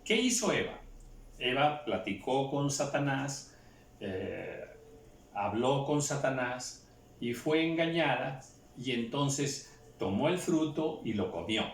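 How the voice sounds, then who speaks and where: A man preaching a Bible teaching, asking and answering his own questions, halting with fillers. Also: medium pitch, sing-song, a little hiss or hum. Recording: roomy echo, far from mic, faint ambience.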